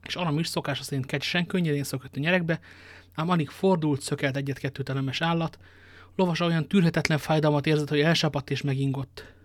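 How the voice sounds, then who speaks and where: A man's voice: on the high side, fairly even intonation, no room sound. Man reading a classic adventure aloud. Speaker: narrator. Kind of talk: storybook reading.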